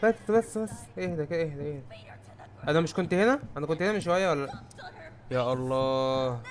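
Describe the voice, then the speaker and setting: Young Egyptian man, gamer doing live let's-play commentary, rapid-fire and a bit high-pitched, breaks into startled yelps, faint hiss behind. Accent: Egyptian Arabic. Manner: jumpy, yelps and shouts when startled.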